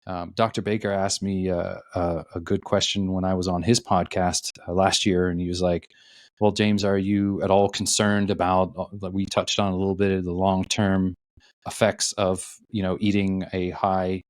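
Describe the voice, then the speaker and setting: A male podcast guest with a low voice, recorded close and dry with no room sound. He explains his points earnestly, pausing often with small fillers. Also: flat delivery, dry recording. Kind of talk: casual podcast conversation.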